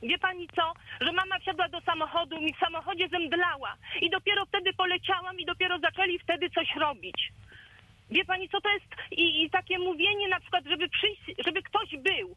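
A woman's voice: very high-pitched, fairly quick. A middle-aged woman calling in to a radio show by phone, agitated and insistent, repeating her complaint. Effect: phone call into a radio show.

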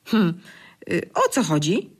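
A woman voicing a gentle, puzzled young male elf in a storybook reading. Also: on the low side, huge pitch swings, slow, breathy edge, full character voice. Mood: wondering.

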